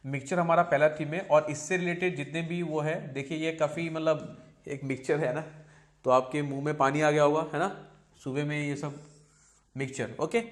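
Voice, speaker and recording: A man's voice: on the high side, steady tone, moderate pace. Man teaching vocab. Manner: explains in Hindi mixed with English, repeats words, asks "ठीक है?" often. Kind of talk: exam-prep vocabulary lesson.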